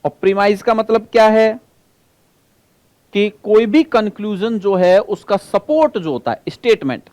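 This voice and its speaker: A male teacher giving an exam-prep lecture, explaining by repeating points, asking the class questions and drawing key terms out slowly. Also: sits high, lively intonation, a little mellow, dry recording.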